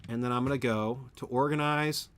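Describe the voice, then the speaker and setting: Clear and resonant, the man's mid-range voice is a bit bright, with fairly even intonation and a moderate pace. He rambles through a casual live stream of a factory-building game, chatting with viewers as he builds.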